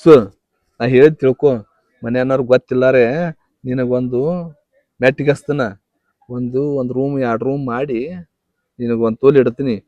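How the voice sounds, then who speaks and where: A man's voice: medium pitch, level tone, moderate pace, long pauses, warm tone, dry recording, dull audio, natural voice. A young man playing a boyfriend in a comedy skit, pleading and insistent, with a North Karnataka Kannada accent. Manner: pleading, insistent, repeats promises.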